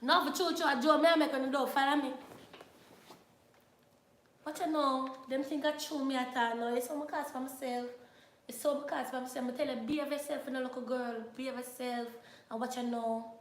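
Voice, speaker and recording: High-voiced Jamaican woman chatting. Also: steady tone, a little fast, roomy sound, a little hiss or hum. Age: young adult. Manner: chatty, drifting between patois and English. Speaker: YouTuber. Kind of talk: casual chat to viewers.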